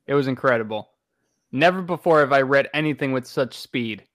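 A man's voice: medium pitch, a little fast, a bit bright, dry recording, studio quality. A man hosting a podcast in casual chat, playful, laughing a lot and slipping into mock announcer bits. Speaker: podcast host.

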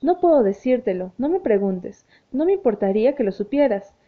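A woman's voice: on the high side, sing-song, normal speed. A woman voicing an anguished, restless young woman who speaks in an agitated, pleading way, in an audiobook reading. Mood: distressed. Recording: tinny phone-like sound.

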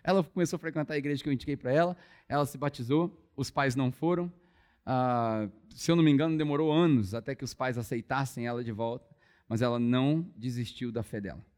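A young man, preaching a testimony as a lively storyteller who acts out dialogue. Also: mid-range voice, quick pace. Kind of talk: testimony sermon.

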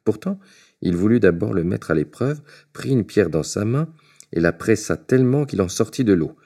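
A man reading a fairy tale aloud in a measured, expressive storytelling manner. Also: lowish voice.

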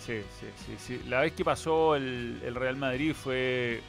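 A man's voice: medium pitch, a little slow, gravelly, soft background music. A man co-hosting a football podcast, listing lineups and absences in a matter-of-fact, casual way. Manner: lists lineups and injuries matter-of-factly.

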